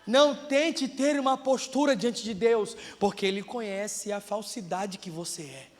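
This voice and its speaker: A male pastor preaching a sermon with passion, moving from quiet talk to shouted prayer. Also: high voice, a little slow, big-room sound. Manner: impassioned, swings from quiet to shouting. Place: church.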